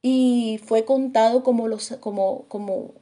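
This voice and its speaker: A woman preaching a sermon in an earnest way, dropping her voice low for grave points. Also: fairly even intonation, a little slow, warm tone.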